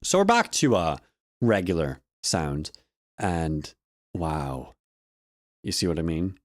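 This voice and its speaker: A man's voice: sits low, very animated, takes it slowly, no echo. Chatty young man, dry close mic. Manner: rambling, self-correcting, chatty. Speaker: audio student and vlog host. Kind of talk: casual spoken recap of a lecture. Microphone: close studio microphone with a compressor.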